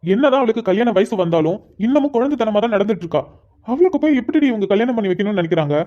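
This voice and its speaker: A woman's voice: a little high, animated, racing, highs cut off, natural voice. A woman voicing a young man, a protective elder brother who talks in a heated, insistent way, in a cartoon. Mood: angry. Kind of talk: cartoon voice acting.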